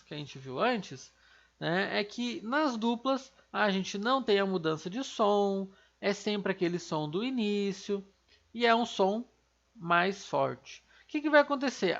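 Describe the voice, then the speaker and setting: A woman with a medium-pitched voice teaches a language lesson online, recorded with lo-fi sound. She explains things step by step, posing questions and answering them herself.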